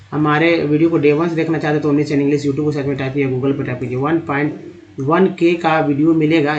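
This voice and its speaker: A man teaching a language lesson, slowly sounding out English words letter by letter and explaining vowel sounds to his viewers. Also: fairly high pitch, lo-fi sound. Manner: slow, drawn-out spelling and sounding out of words; explains with repeated patterns and direct address to viewers.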